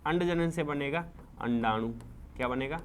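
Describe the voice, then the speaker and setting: A man with a Rajasthani Hindi accent teaching a class, lively and repetitive, asking students questions and answering them himself. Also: fairly high pitch, moderate pace, a little hiss or hum. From India. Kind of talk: classroom lecture.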